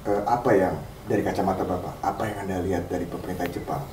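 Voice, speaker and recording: A man's voice: low voice, little pitch movement, very fast, a little mellow. A male host introducing guests and asking questions in a formal, polite manner. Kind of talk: interview hosting. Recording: roomy, distant mic, faint room noise.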